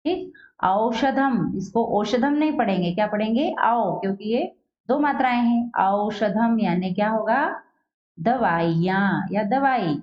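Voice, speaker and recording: A woman teaching a children's class, asking questions and answering them herself, saying each word slowly and repeating it. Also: medium pitch, lively intonation, highs cut off.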